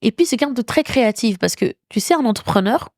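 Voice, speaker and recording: A woman in her thirties from Belgium, a guest entrepreneur talking casually in an interview, animated, laughing often and slipping English phrases into her speech. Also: fairly high pitch, fast talker, no room sound, clean studio sound. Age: 30s.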